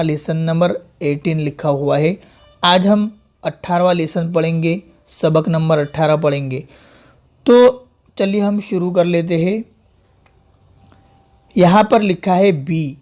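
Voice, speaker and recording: A man hosting his channel, teaching an online Urdu reading lesson. He explains patiently, using religious greetings and phrases, and reads syllables and short drill sentences slowly and deliberately. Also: a little high, darkish tone.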